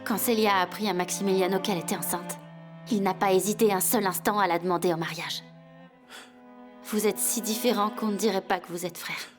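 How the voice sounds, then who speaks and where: An actress dubbing a hot-tempered, scheming young woman in a telenovela, sharp and accusing. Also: medium pitch, fairly even intonation, a little fast, music in the background, lightly acted. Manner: sharp, accusing, bursts into shouting. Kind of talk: dubbed telenovela acting.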